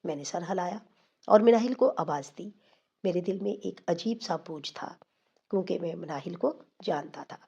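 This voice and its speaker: A woman storyteller reading an emotional story aloud in a steady, scripted narration. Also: on the low side, vocal fry, breathy edge, dull audio.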